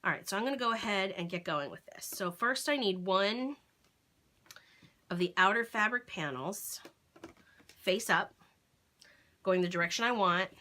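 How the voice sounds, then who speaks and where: A woman's voice: medium pitch, normal speed, long pauses, sharp tone. A woman hosting a casual sewing tutorial, explaining each step aloud and checking in with "okay?" as she works. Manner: thinks aloud while sewing, with fillers and self-corrections. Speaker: crafting tutorial host.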